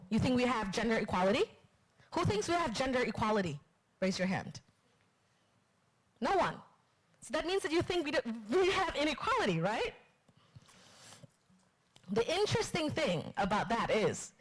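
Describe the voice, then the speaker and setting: A woman from Vietnam giving a live marketing class, chatty and lively, asking the room questions. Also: a little high, low-quality recording. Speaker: marketing instructor. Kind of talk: live class lecture to an audience. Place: lecture room with audience.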